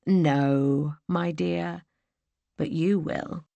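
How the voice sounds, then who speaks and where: A woman voicing a sly, mocking young gentleman villain for an audiobook. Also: lowish voice, fairly even intonation, very slow, creaky, dry recording, heavily acted. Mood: smug. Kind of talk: audiobook character voice.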